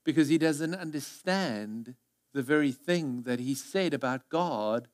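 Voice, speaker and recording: A South African pastor in his thirties, a native Afrikaans speaker, preaches a heartfelt sermon from a church stage into a headset mic. His medium-pitched voice moves at a measured pace with lively intonation, swinging from loud emphasis to hushed asides.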